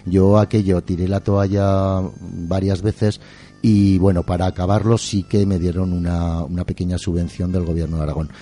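In this casual interview, the guest is a middle-aged museum keeper and musician whose speech is effusive, colloquial, and rambling. His voice is low-pitched and warm, delivered flatly at a normal speed, with a little hiss or hum on the recording.

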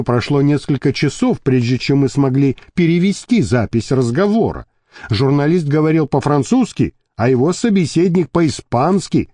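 Guy reading an audiobook, lively pitch, dark mellow voice, dry close sound. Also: dry recording. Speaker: audiobook narrator. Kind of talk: scripted narration.

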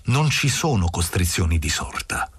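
Brief: tired cynical old headmaster, read by a male narrator, measured and paternal, dry sound. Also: low voice, very animated, fairly bright tone, husky, dry recording, exaggerated voice. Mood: weary, paternal. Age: older.

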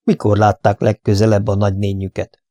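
A dry, measured older detective in an audiobook, questioning carefully, as a male reader plays him. His voice is low, gravelly and dark, in a dry recording. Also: completely flat delivery, no room sound.

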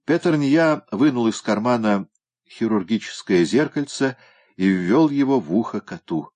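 A man narrating an audiobook in a steady, even storytelling manner. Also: mid-range voice, measured pace.

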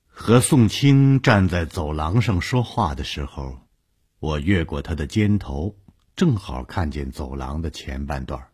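A man reading a horror story aloud in a measured, suspenseful way. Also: a bass voice, animated, a little mellow, slightly rough. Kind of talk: scripted horror narration.

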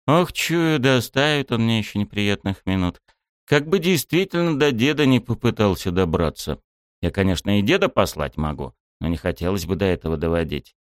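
A man's voice: lowish voice, animated, moderate pace, clean tone, no room sound, studio quality, close to an everyday voice. A man doing a flustered young student. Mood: grumbling. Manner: defensive, exasperated. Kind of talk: audiobook character voice.

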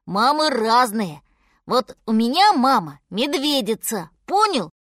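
A woman's voice: on the high side, big pitch swings, takes it slowly, fairly bright tone, no echo, clean studio sound, pitched above the performer's own voice, full character voice. Woman doing a cocky little bear cub. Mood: lively. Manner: mocking, bossy.

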